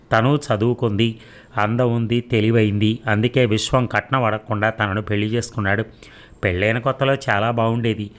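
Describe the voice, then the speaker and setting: A man reading a story aloud as a narrator, steady and measured. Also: lowish voice.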